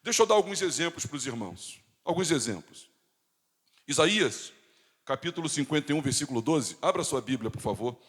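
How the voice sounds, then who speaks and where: A Brazilian man with a Rio de Janeiro accent preaching a sermon, swinging between loud and hushed emphasis. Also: on the high side, animated, brisk, breathy edge. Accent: Rio de Janeiro Portuguese. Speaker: pastor. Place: church. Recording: hall reverb.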